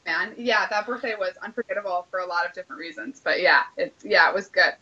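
Bright chatty woman in her late twenties. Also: lowish voice, fast, lo-fi sound. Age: late 20s. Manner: chatty, lots of "like", acts out quoted dialogue. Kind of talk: casual storytelling.

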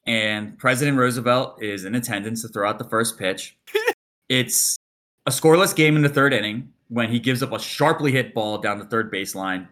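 Bright-voiced man telling a story. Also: medium pitch. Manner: animated storyteller, acts out quotes. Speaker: podcast co-host. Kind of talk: casual storytelling chat.

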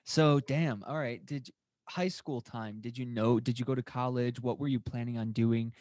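A man hosting a podcast, chatting casually and dropping quick slang reactions. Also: medium pitch, steady tone, darkish tone, no room sound, studio quality. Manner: friendly, hypey slang interjections. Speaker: podcast host.

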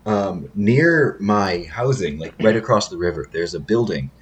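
A man's voice: lowish voice, animated, measured pace, slightly rough. A young man rambling casually in a group voice call, swearing now and then. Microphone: voice call mic.

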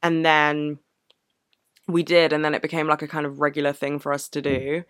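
A woman's voice: low-pitched, completely flat delivery, normal speed, a bit bright, no room sound, clean studio sound. A woman vlogger telling a personal story in a candid, earnest, casual way. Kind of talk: casual reflective Q&A vlog.

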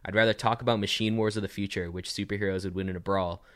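A man co-hosting a podcast, reading a listener's email aloud in a steady, plain way. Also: lowish voice, quick pace, no echo, studio quality.

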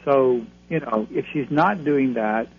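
Creaky-voiced man advising over a tinny phone. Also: mid-range voice, a little slow. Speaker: card-reading astrologer, radio guest. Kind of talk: conversational advice to callers. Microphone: telephone. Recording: thin phone line, humming noise.

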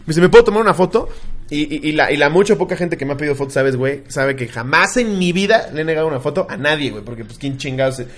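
A young Mexican man with a Mexican Spanish accent, co-hosting a podcast and telling a story in casual chat, animated and profane, acting out voices. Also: fairly high pitch, fast, few pauses. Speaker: podcast co-host.

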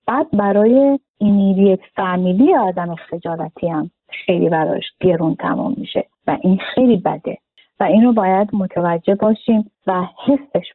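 A woman's voice: medium pitch, no room sound. Earnest woman teacher over a phone-like line. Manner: earnest, rhetorical questions, acts out short dialogues. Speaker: spiritual teacher and counselor. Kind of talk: self-help lesson to camera. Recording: dry, phone-like narrow sound.

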